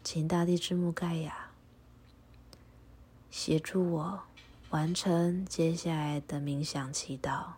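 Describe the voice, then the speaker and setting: Woman, meditation guide, low voice, very smooth, soft half-whisper, slow calm instructions. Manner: soft, breathy, often half-whispered delivery.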